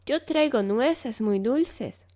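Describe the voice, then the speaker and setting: A woman voicing a friendly male badger in a children's storybook, speaking cheerfully and slowly. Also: a little high, lively intonation, darkish tone, voice pushed up.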